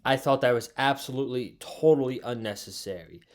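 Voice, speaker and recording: A man's voice: medium pitch, brisk. An American man hosting a casual, opinionated review vlog, speaking emphatically and repeating his points for stress. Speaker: host of a wrestling review channel.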